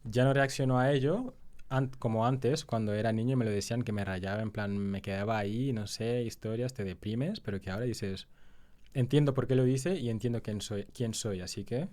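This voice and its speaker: A young man, a guest telling his story in a casual interview, animated when he retells scenes and slower when he reflects. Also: mid-range voice. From Spain.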